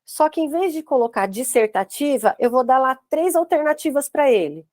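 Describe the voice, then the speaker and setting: A woman's voice: high-pitched, very animated, moderate pace, darkish tone, no echo, studio quality. Brazilian woman teaching on a video call. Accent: Brazilian Portuguese. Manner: explanatory, uses many "né?" tags. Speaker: course instructor. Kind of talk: online minicourse teaching.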